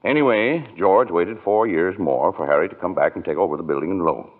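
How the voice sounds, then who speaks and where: An actor playing a kindly storytelling narrator in a 1940s radio drama. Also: male voice, deep voice, a little fast. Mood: kindly, informative. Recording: tinny vintage radio broadcast.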